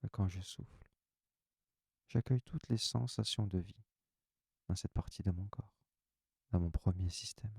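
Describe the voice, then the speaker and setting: A man leading a guided relaxation session, giving calm, soft, unhurried instructions in the first person. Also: low voice, creaky, breathy edge, no echo.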